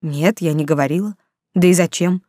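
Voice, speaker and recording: A woman's voice: on the low side, moderate pace, dark tone, dry recording, natural voice. A woman voicing a reserved, sober-minded young single mother who speaks wryly, in a dry close reading. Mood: guarded. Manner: wry, reserved.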